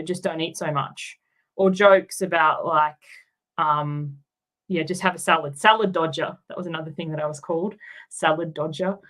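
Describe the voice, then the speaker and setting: Candid Australian woman, lowish voice. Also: a bit bright, poor audio. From Tasmania, Australia. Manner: open, reflective, with frequent ums and likes. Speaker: guest. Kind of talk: candid interview conversation.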